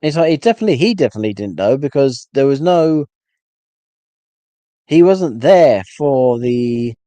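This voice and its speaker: Rambling man, dark dry voice. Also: medium pitch, animated, normal speed, no room sound. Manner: rambling, stumbles and restarts, exasperated. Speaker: solo livestream host. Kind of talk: casual rant.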